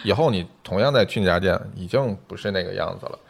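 A man's voice: low voice, quick pace, creaky. A man chatting casually and animatedly as a podcast co-host, giving his opinions freely. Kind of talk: casual chat about restaurants.

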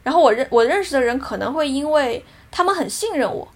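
A woman in her thirties talks fast in a high voice, earnest and reflective as she tells a personal story. Her casual podcast delivery stays conversational and brisk throughout. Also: animated, darkish tone. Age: 30s. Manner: earnest, reflective, re-enacting dialogue in her telling. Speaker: podcast co-host.

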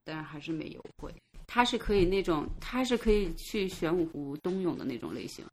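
A woman's voice: fairly low pitch, animated, fairly quick, a little hiss or hum. A woman chatting casually on a podcast, with a playful, lightly teasing manner. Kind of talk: casual chat.

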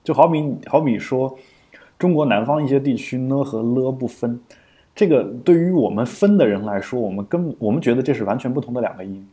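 Mellow-voiced man chatting on a podcast. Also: medium pitch, lively intonation, a little fast. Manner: thinks aloud, frequent fillers and restarts. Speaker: podcast co-host. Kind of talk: casual explanatory chat.

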